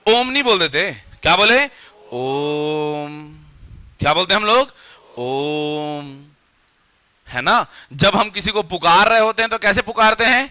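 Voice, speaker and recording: A man's voice: high voice, expressive, fairly quick, bright, forceful tone, dry recording. A man teaching a classroom grammar lecture who keeps asking the students questions and repeating the answers back.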